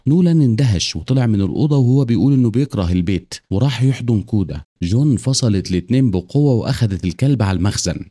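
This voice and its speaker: Fast Egyptian man narrating, dry close sound. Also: on the low side, mellow, no echo. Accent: Egyptian Arabic. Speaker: film recap narrator. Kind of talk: scripted narration.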